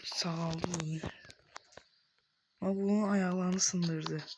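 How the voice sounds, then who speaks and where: A man's voice: sits high, steady tone, slow. A man with an Azerbaijani accent giving casual gameplay commentary, exclaiming at what happens on screen. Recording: loud background noise.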